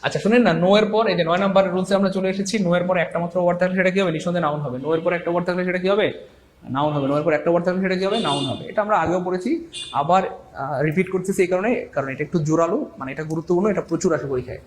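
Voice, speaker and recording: Male tutor, rapid-fire drilling, slightly high voice, faint hiss behind. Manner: quick, repetitive drilling, playful teasing of students. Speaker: English grammar teacher. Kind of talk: live online class.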